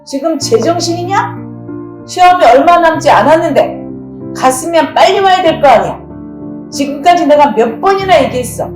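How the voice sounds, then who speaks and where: Woman acting out a furious, scolding mother, lively and raised, roomy echo. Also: high-pitched, moderate pace, faint music behind, pitched above the performer's own voice. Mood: angry scolding. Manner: shouting, scolding. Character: angry scolding mother of a teenager.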